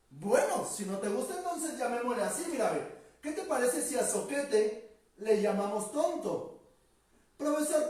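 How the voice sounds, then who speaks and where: A male teacher giving a vocabulary lecture, stretching out key words for emphasis and ending sentences with quick tag questions. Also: extremely high pitch. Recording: echoey room, distant mic.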